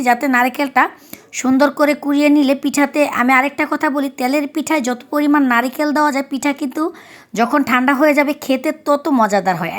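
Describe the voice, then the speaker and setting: A woman from Bangladesh talks through a home recipe, explaining each step as she goes. Her voice sits high, and her delivery is chatty and easygoing. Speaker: cooking vlogger. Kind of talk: recipe narration.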